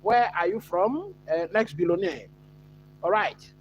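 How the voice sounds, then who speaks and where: A man from Ghana hosting a live football watch-along, chatting casually and answering viewers with many pauses and fillers. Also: high voice, lively intonation, lo-fi sound, slight background noise. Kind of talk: live stream football chat.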